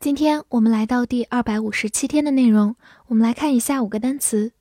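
A woman teacher leads a scripted vocabulary lesson, spelling each word and reading the example sentences with slow, deliberate care. Her voice is a little high and mellow, and it is recorded dry and close with no room sound. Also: no room sound. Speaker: English teacher.

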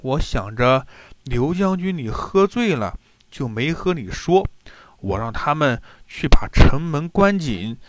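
Brief: a man playing a flustered, polite storybook general; dry close sound, slow pace. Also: mid-range voice, expressive, dry recording, lightly acted. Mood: deferential. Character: polite, eager-to-please male general.

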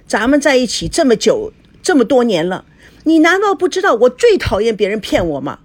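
A woman voicing a furious, betrayed young wife who talks in a shrill, cutting, accusing way, reading a storybook. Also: very animated, moderate pace, husky, heavily acted.

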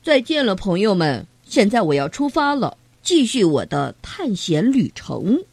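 Storybook boy: bold, cheerful, inviting, read by a woman, very animated pitch. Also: measured pace, husky, no echo, heavily acted. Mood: farewell. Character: bold adventurous boy Tom Sawyer.

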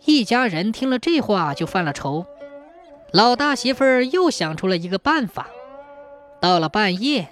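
A woman narrating a folk tale in a plain, steady way. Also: mid-range voice, moderate pace, faint music behind. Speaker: storyteller.

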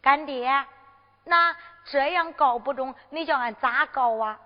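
A woman's voice: high-pitched, soft background music. Woman playing a cheeky Henan village girl. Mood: cheeky, coaxing. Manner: cheeky, drawn-out hesitant interjections. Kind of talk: Henan zhuizi storytelling. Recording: dull lo-fi recording with long reverb.

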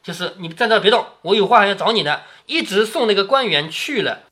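A man's voice: high voice, lively intonation, fast talker, bright, forceful tone. A man reading a classic novel aloud to his daughter and explaining it in a chatty way, often checking in with "right?". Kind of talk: storytelling reading with commentary.

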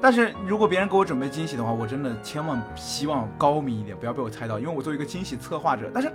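A man's voice: fairly high pitch, animated, racing, music in the background. A man co-hosting a podcast in casual chat, talkative and playful, given to big exaggerations. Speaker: podcast co-host.

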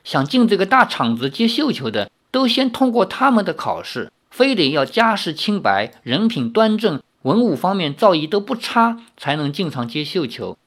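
A sweet, playful young heroine, teasing and lilting, as a man reading the story puts her on. The voice sits a little high and swoops lively between notes, devoted but with a fierce edge, in a storybook reading. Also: normal speed, hardly any pauses, heavily acted.

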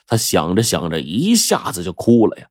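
A man telling a folk tale in a lively, dramatic storytelling manner, drawing out his phrase endings. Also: deep voice, normal speed, no room sound, clean studio sound.

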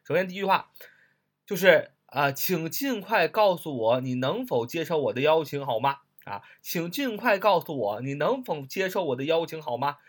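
Lively husky male English teacher. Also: on the high side. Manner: animated, spells words letter by letter, repeats phrases slowly. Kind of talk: lively recorded lesson.

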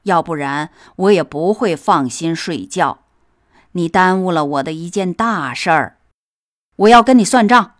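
A woman voicing an indignant old male cat in a storybook tale, scolding loudly. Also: fairly low pitch, expressive, a little slow, dry recording, clean studio sound. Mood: angry. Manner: indignant, loud. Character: sleepy then furious old tomcat.

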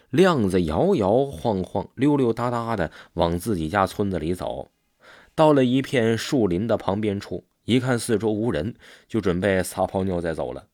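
A man telling a village ghost story in an animated storytelling manner. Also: fairly low pitch, no echo, studio quality.

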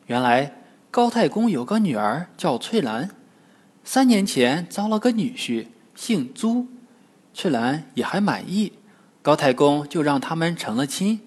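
Lively male storyteller for children. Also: fairly high pitch, unhurried, slightly rough. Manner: lively, expressive. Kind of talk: scripted narration.

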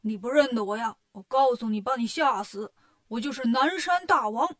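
A woman's voice: on the high side, normal speed, close to an everyday voice. A woman voicing a bossy, fretful male demon king who grumbles and complains in a storybook tale.

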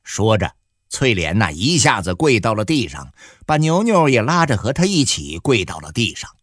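Give me a male storyteller reading a novel, conversational and highly animated, with a dry close sound. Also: moderate pace, no room sound. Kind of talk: audiobook narration.

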